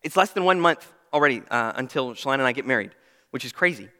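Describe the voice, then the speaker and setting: A man's voice: mid-range voice, lively intonation, fast talker, pushed and bright. A young adult man preaching a sermon, earnest and emphatic, with self-deprecating asides. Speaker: pastor. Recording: long reverb of a large hall.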